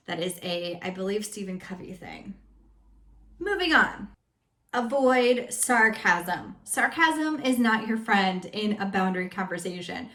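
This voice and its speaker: A young woman with a Greek family background, working as a coach, gives candid, chatty relationship advice straight to the camera, using plenty of fillers. Her mid-range voice is expressive and a little slow, with a sharp tone. The audio carries a roomy echo.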